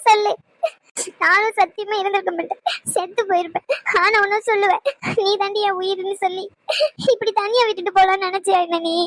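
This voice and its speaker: Woman doing a crying young student, very high voice, rapid scolding, dry close sound. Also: dry recording. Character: tearful young woman student, fiercely devoted. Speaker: voice actor. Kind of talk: cartoon dub acting.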